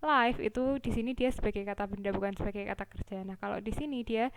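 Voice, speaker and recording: A woman teaching English phrases. She reads each example slowly and a little higher, then explains it in a relaxed, chatty way. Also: very noisy. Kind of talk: explaining English expressions in Indonesian.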